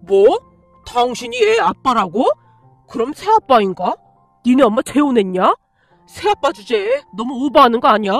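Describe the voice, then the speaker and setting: Woman voicing a rude shouting bully dad. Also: high voice, big pitch swings, moderate pace, vocal fry, no echo, faint music behind, exaggerated voice. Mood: angry yelling. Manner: shouting insults, jabbing accusations. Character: rude middle-aged father, bullying and contemptuous.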